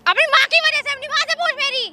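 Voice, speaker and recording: A woman playing a defiant young wife, high, noisy. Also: steady tone, fast. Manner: defiant, snapping, threatening. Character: defiant young wife plotting against her husband. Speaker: young bride in a staged skit. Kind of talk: staged street drama. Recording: loud background noise.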